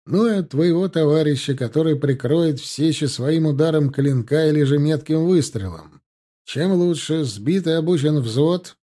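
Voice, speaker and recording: A man voicing a gruff veteran cavalry officer who grumbles and lectures his platoon in a storybook reading. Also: on the high side, mellow, close to an everyday voice. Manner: grumbling, earnest.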